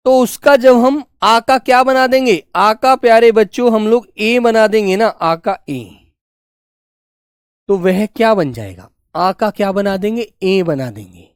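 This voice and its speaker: A man's voice: sits high, measured pace, smooth, dry recording, clean studio sound. A man teaching an online Hindi grammar lesson, affectionate and repetitive, keeps asking his students questions and answering them himself.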